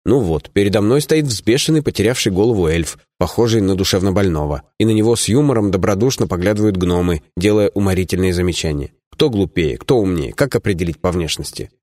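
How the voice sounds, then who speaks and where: A man's voice: sits low, expressive, fast, hardly any pauses, darkish tone, dry recording, studio quality. A man reading a fantasy novel aloud in first person, plainly and evenly, with small voice changes for the dialogue. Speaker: audiobook narrator. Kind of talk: first-person audiobook narration.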